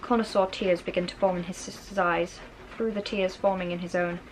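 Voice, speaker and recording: This storybook reader, a woman with a lowish voice, narrates a children's novel in a steady tone at a fairly quick clip. Rain in the background leaves the recording noisy.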